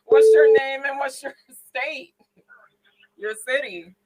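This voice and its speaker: A woman's voice: sits high, slow pace, a little mellow, poor audio. An effusive, encouraging woman hosting a casual radio call-in show.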